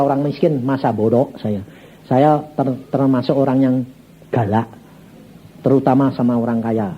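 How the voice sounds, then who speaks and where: A man's voice: medium pitch, breathy edge. A man preaching a sermon, telling stories bluntly and acting out the dialogue. He is an older pastor. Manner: blunt, animated, acts out dialogue. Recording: slightly dull recording with faint noise.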